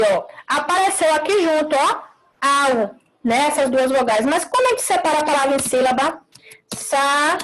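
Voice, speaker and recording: A woman teacher giving a live online class, explaining slowly, repeating words and checking with short tag questions. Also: high voice, a little hiss or hum, rough recording.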